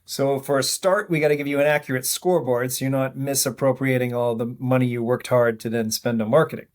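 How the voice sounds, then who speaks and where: A man's voice: mid-range voice, steady tone, fairly quick. Guy with a maine accent droppin his r's, laid back, explaining marketing stuff on a podcast. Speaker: guest, company founder. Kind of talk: podcast interview.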